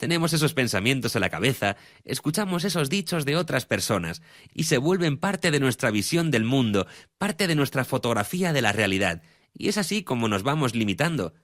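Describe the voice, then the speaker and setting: A man speaking as a guest expert in a dubbed interview, calmly explaining and repeating each saying slowly. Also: mid-range voice, dry recording, studio quality.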